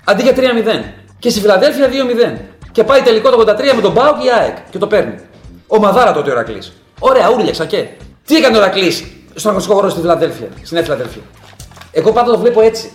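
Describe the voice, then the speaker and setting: A man guesting on a casual podcast, telling football stories with sudden swings between hushed asides and loud bursts. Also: high voice, sing-song, echoey room, soft background music. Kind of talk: casual banter about football.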